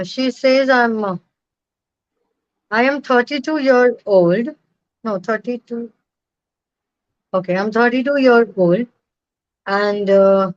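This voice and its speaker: A woman co-hosting, reading viewer questions out slowly and haltingly. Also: a little high, dry recording, lo-fi sound.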